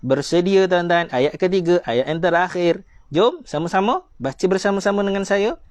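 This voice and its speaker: A man's voice: high voice, expressive, normal speed, no echo. A man with a Malaysian Malay accent teaching Quran recitation in a live-streamed lesson, addressing his viewers politely and drawing out letter sounds to demonstrate them.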